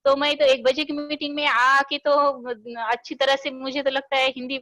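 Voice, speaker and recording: A woman's voice: high-pitched, level tone, normal speed, pushed and bright, no echo, lo-fi sound. A woman from Maharashtra with a Marathi accent, giving a hesitant motivational talk with a story at a business meeting over a video call, with many fillers and restarts. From Maharashtra, India.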